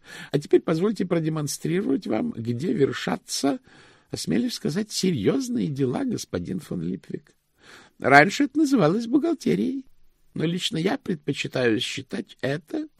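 A pompous, exacting head cashier, voiced by a man reading a storybook aloud, pitched well above the reader's own voice and swooping wildly as he lectures. The tone is husky with a gravelly edge, and the recording is close and dry. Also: big pitch swings, normal speed, no room sound, heavily acted. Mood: proud. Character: proud fussy older male head cashier. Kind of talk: audiobook character voice.

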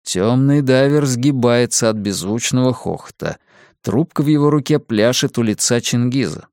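A man narrating a first-person audiobook in a slow, wry storytelling manner. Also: mid-range voice, a little mellow, no echo, studio quality.

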